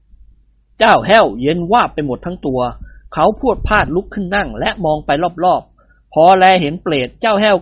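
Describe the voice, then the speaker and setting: Narrator, storybook reading, husky voice, lively pitch, dry dull recording.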